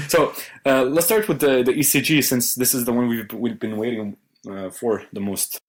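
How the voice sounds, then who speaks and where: Young male podcast co-host, playful teasing banter, mid-pitched everyday voice, casual tech chat. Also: moderate pace, few pauses. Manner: joking, teasing, animated storytelling.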